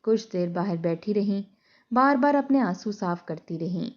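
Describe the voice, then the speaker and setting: A woman tells a moral story in a steady, dramatic narrating voice of middle pitch. The sound is dull and lo-fi, like a home recording. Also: moderate pace. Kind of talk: scripted narration.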